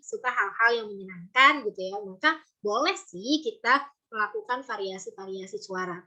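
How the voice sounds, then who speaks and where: Brief: animated woman storytelling coach, fairly high voice, casual workshop delivery with quick voice demos. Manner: lively, demonstrates voices and intonations. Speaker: storytelling trainer.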